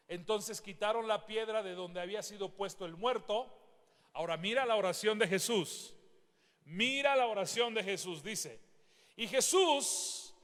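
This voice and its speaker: Male pastor, high voice, emphatic sermon, rises to shouts. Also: big-room sound. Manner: emphatic preaching, rising to shouts, asks the listeners questions.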